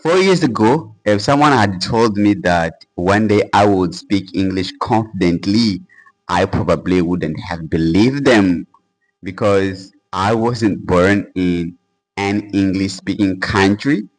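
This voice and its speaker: With a low-pitched voice and a slow delivery, a young man from a Portuguese-speaking country gives an earnest motivational talk to camera in English. He's an English-learning YouTuber whose first language is Portuguese, casual with "bro" and fillers, and the recording quality is low.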